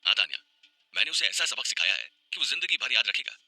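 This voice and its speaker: Brief: devoted young tough guy in an audio story, gentle and comforting, firm on vows, man doing it. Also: fairly low pitch, very animated, quick pace, dry recording, soft background music, full character voice. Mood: soothing. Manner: tender and reassuring, firm when vowing.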